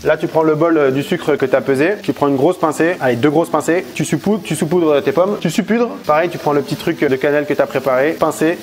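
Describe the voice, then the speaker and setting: A man's voice: fairly high pitch, a little fast, few pauses, slight background noise. A man hosting a casual cooking tutorial in a home kitchen, playful, jokey and chatty. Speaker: cooking vlogger.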